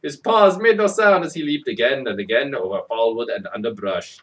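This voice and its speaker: A man's medium-pitched, fairly quick voice delivers a sarcastic, overacted comic reading of a children's story. The recording was made at some distance from the microphone.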